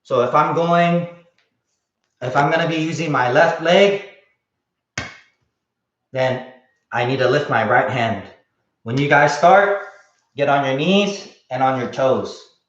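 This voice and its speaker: A man coaching a kids' jiu-jitsu class, explaining casually and calling out drills in short, sharp martial arts commands. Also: medium pitch, takes it slowly, pauses often, slight background noise. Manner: casual, explanatory, frequent "right?" check-ins. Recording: muffled, roomy lo-fi class livestream.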